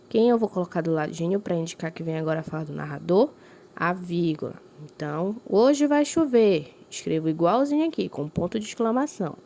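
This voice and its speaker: In a fairly low, darkish voice, a woman teaches young children in a recorded lesson, reading her examples slowly and with clear emphasis. She's patient in explaining and frequently checks that the pupils are following.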